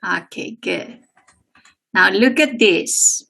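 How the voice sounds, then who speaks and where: A woman's voice: medium pitch, expressive, slow pace, vocal fry, pushed and bright. A woman teaching an online English class, checking with students in short prompts. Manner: switches between English and Spanish prompts.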